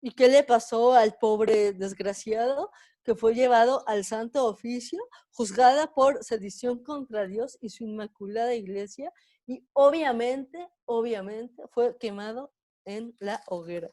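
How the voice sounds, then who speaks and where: A woman's voice: a little high, measured pace, mellow. Mexican woman telling a history story. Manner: conversational, poses rhetorical questions to the audience. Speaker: tour guide, guest speaker. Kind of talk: storytelling talk with slides.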